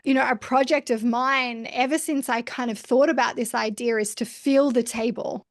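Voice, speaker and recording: A woman with a Canadian accent hosting a conversational interview, speaking earnestly with deliberate emphasis. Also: fairly high pitch, fairly even intonation, dry recording, studio quality. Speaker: podcast host.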